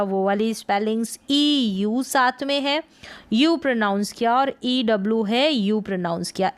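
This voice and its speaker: A woman teaching English pronunciation in a slow lesson, spelling out letters and repeating each word. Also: on the high side, clear, resonant tone. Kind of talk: slow explanatory lesson in Hindi.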